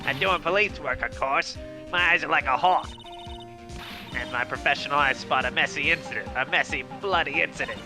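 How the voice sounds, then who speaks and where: A man's voice: fairly high pitch, fairly quick, close to an everyday voice. A man voicing a boastful, nosy, cranky old woman in an amateur video game dub, with music behind him.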